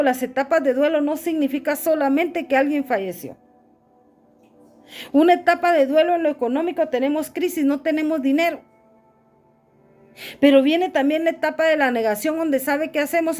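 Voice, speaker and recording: A woman's voice: high voice, darkish tone. A middle-aged woman pastor preaching a sermon, calling listeners "brother" and asking rhetorical questions.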